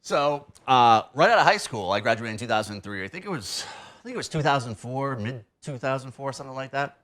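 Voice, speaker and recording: This guest wrestler, a New Hampshire man in his thirties, speaks fairly quickly with lively intonation and a fairly bright, medium-pitched tone while chatting in a TV studio. The casual interview talk rambles on, full of "you know" and "like."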